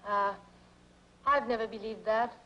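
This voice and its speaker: An actress playing a mysterious young woman who speaks softly and coaxingly. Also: fairly high pitch, steady tone, measured pace, slight background noise. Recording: dull 1960s film soundtrack.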